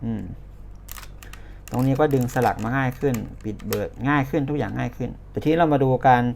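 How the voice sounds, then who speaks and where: Gravelly Thai man reviewing toys. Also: medium pitch, fairly quick, a little mellow, a little hiss or hum. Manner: chatty, hands-on, pointing things out. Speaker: toy reviewer. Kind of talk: casual toy review demo.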